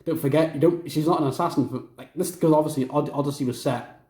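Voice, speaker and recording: Man, casual gaming commentary, enthusiastic, rambling, mellow tone, roomy echo. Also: a little high, fast. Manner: enthusiastic, rambling with many fillers and restarts. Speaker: gaming video host.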